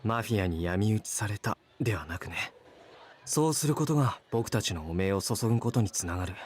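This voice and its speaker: Man acting a calm, protective young mafioso. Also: lowish voice, very fast, slight background noise, lightly acted. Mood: cool, protective. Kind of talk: Japanese visual novel game acting. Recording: game audio with music behind. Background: game music.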